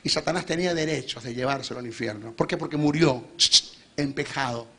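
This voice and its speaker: A middle-aged Venezuelan man preaching a sermon in church, emphatic and rising to loud peaks, asking the congregation questions. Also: mid-range voice, fairly quick. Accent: Venezuelan Spanish.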